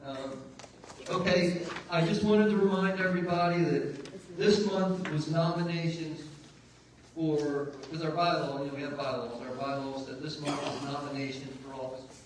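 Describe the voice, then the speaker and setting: A man's voice: fairly high pitch, normal speed. A man chairing a community meeting, speaking casually with many fillers and restarts. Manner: relaxed, rambling with fillers. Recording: echoey room, mic far off, background noise.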